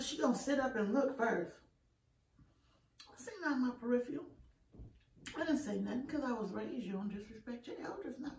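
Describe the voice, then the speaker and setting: A woman's voice: fairly high pitch, gravelly, darkish tone, a little hiss or hum. Woman chatting with mouth full, roomy echo. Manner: talking while eating, mouth sometimes full. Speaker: vlogger. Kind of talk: casual chit-chat storytelling during an eating show. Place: indoor room, green-screen backdrop. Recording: roomy echo, distant microphone.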